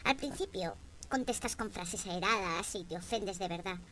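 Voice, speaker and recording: A woman's voice: medium pitch, moderate pace, fairly bright tone. A woman with a Spain Spanish accent delivering a comic monologue in a wry, sarcastic storytelling manner. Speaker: comedian.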